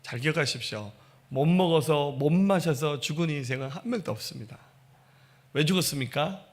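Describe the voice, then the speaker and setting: A man preaching a sermon as pastor, telling the story with animated delivery and speaking straight to his congregation. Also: fairly high pitch, moderate pace. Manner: animated storytelling preaching, acting out quoted voices; addresses congregation directly.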